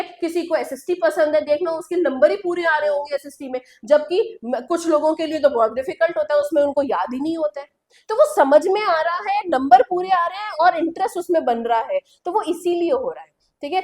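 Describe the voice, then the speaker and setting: Lady coach talking students through study hacks, high voice, keeps checking in with them. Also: darkish tone. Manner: chatty, addresses students directly with repeated tag questions. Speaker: coaching teacher. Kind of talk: motivational study-tips lesson.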